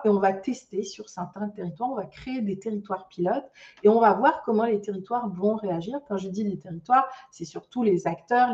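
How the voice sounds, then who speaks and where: A woman's voice: mid-range voice, a little mellow, far from the mic, highs cut off. A woman giving an online master class on starting an ecotourism business, speaking loosely with lots of fillers and restarts. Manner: loose spoken delivery with many fillers and restarts.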